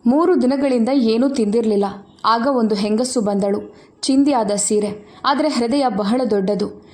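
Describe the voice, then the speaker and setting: Give me a grave, measured male judge, read by a woman in a storybook tale. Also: on the high side, dark tone, faint music behind, natural voice. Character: grown man, a solemn judge.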